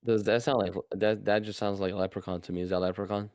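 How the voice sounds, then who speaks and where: A man's voice: on the low side, steady tone, quick pace, darkish tone, no room sound, studio quality. A man talking casually as a contestant in a friendly quiz game. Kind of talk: casual chat.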